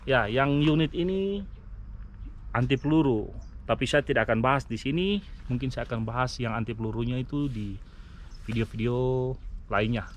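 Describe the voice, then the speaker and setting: A man with a mid-range voice talks at a moderate pace over a little hiss or hum. He's a vlogger who drives a mine vehicle, doing an enthusiastic truck walkaround and review while addressing his viewers directly.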